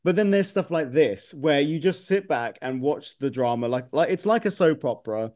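A man's voice: fairly high pitch, expressive, normal speed, a little mellow. A man hosting a football podcast, chatting casually and animatedly with strong opinions. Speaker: podcast host.

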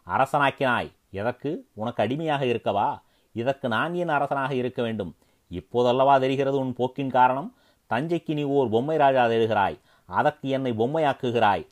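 A man's voice: mid-range voice, natural voice. A man voicing a proud, defiant young king who refuses servitude, in a declamatory, indignant dramatic story reading.

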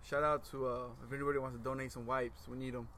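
A man's voice: mid-range voice, level tone, fast talker, fairly bright tone. A man hosting a casual podcast from a backyard, chatting in an informal, slangy, joking way. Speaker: podcast host. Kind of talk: casual chat. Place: backyard of a house, outdoors.

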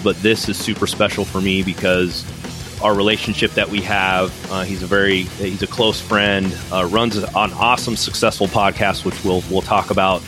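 A man hosting a casual podcast interview, chatty and upbeat with many fillers and restarts. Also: low voice. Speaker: podcast host.

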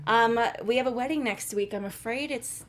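A woman's voice: fairly high pitch, normal speed. A woman co-hosting a TV after-show, musing on what might happen next in a speculative, playfully worried way. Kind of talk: casual fan chat.

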